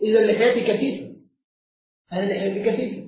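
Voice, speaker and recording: A man's voice: sits high, quick pace. A man, a sheikh, explaining a religious text step by step and quizzing the seated students in front of him. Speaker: sheikh teaching a religious lesson. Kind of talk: classroom lesson explaining a text. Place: lesson room with seated listeners. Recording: echoey room, dull lo-fi sound.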